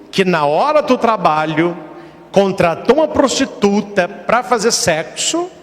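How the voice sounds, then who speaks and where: High-voiced Brazilian priest preaching emphatically. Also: male voice, long reverb tail. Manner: emphatic preaching, acts out quoted voices in short stories. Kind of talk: sermon.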